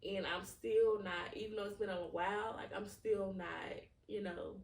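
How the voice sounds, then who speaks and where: A woman's voice: mid-range voice, steady tone, moderate pace, recorded from a distance. A woman, hosting a podcast and talking through her feelings in a candid, rambling way, full of "like" fillers. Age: 20s. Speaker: podcast host. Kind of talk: reflective personal monologue. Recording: roomy echo, voice from off-mic.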